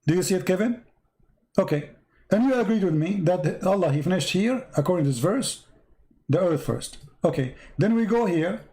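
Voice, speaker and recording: This debate host's voice is high, animated and warm, at a moderate pace, though he is losing it. Not an English speaker, he reads out verses during the live debate and repeatedly questions a caller.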